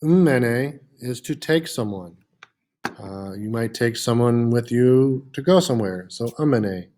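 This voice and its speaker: Guy teaching french class, slow and patient, says uh a lot, repeats stuff. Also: mid-range voice, animated, mellow. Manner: slow, patient, repeats words, many "uh" fillers. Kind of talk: classroom lesson.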